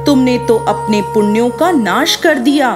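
A woman narrator plays an elderly male sage scolding and advising his son. He speaks slowly and a shade lower, with a reproachful tone. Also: music in the background, natural voice.

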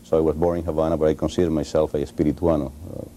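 Studio guest: Cuban man in his forties, Spanish-accented English, very deep and flat, dark tone, halting pauses. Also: slight background noise. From Cuba. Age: 40s. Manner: halting, frequent uh pauses and restarts. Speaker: interview guest, author. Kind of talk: televised studio interview. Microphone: lapel.

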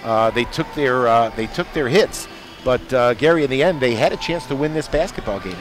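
A man giving color commentary after a basketball game, folksy and animated in his analysis. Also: mid-range voice, normal speed, soft background music. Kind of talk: postgame sports analysis. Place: basketball arena broadcast booth.

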